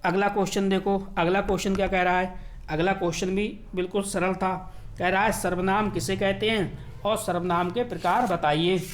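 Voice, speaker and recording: A man who teaches by walking through an exam paper, slowly repeating key words and asking and answering his own questions. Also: high-pitched, steady tone.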